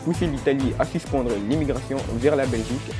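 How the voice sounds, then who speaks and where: A man's voice: mid-range voice, a little fast, music in the background. A young man presenting scripted news as an anchor.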